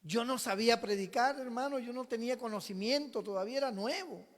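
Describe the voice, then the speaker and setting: A man, a pastor preaching a sermon as a personal testimony, telling it dramatically and swinging between loud passages and hushed ones. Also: extremely high pitch, fairly quick. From Peru. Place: church sanctuary. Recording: long reverb of a church hall.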